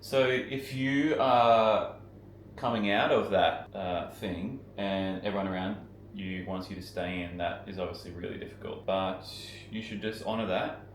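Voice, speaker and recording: Deep-voiced man, laid-back. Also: steady tone, unhurried. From Australia. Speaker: partner and co-guest. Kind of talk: casual chat. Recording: echoey room with faint background noise.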